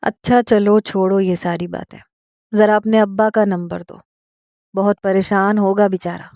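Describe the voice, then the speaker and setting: A woman voicing a patient, fatherly old man who serves as a mosque imam, speaking slowly and soothingly. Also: medium pitch, steady tone, no room sound, clean studio sound, lightly acted. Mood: coaxing. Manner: slow, soothing, gently persuasive.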